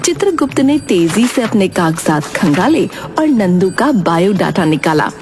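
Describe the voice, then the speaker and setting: Lively woman narrating a cartoon story. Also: medium pitch, a little slow, music in the background.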